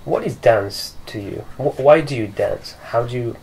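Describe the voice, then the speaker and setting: A man's voice: mid-range voice, lively intonation, normal speed, vocal fry, a little mellow, poor audio. A young man hosting a podcast, asking a guest questions attentively in a living room and backing him up with frequent murmurs. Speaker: podcast host. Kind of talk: interview questions. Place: living room with leather sofas.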